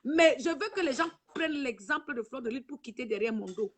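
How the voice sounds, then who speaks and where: A livestream host talks to her camera, which also serves as the mic, in an emotional, sermonizing way, circling back to the same points and calling out "ma fille" over and over. She speaks high, animated and a bit quickly.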